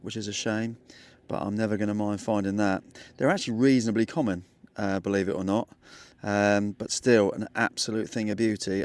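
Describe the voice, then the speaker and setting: A man from England vlogging while metal detecting in a muddy field, chatty and excitable, talking straight to his viewers. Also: on the low side. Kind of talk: casual outdoor vlog narration.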